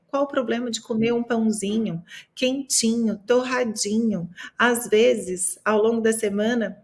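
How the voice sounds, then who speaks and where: A woman from Minas Gerais talking about food in a casual podcast chat, explaining with many fillers and tag questions. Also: a little high. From Minas Gerais, Brazil.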